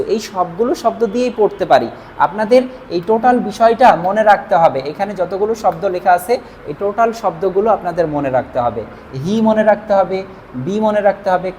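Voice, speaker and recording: A woman whose first language is Bengali teaches a language class, writing as she talks and repeating each reading slowly and patiently. Her voice sits at a middle pitch for a woman. A faint hiss of background noise runs under the recording. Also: warm tone. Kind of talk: whiteboard language lesson.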